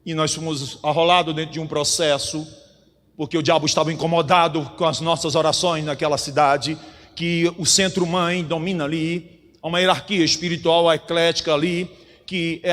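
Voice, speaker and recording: A male pastor preaching with fervor, his voice sitting high for a man. He swings between loud, driving declarations and hushed testimony, and it rings with a long reverb through a church hall. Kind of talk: sermon.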